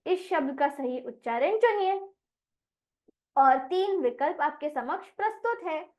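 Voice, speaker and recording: A woman teacher giving an online lesson, saying each word slowly and spelling it out letter by letter. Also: high-pitched. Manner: slow, deliberate, spells words out letter by letter. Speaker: English teacher.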